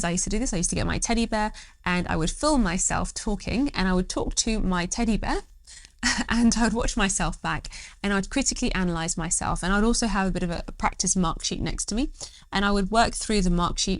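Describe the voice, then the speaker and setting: Quick-talking woman doctor giving advice. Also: medium pitch, no echo. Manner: encouraging, upbeat, direct. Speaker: doctor giving study tips. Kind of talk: educational talk to camera.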